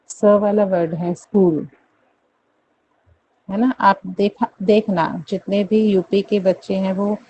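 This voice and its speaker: A woman from India teaching English pronunciation, slowly repeating each word and checking in with her students again and again. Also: medium pitch, dark tone, highs cut off, a little hiss or hum. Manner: repeats words slowly, checks in with "theek hai?". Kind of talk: classroom pronunciation lesson.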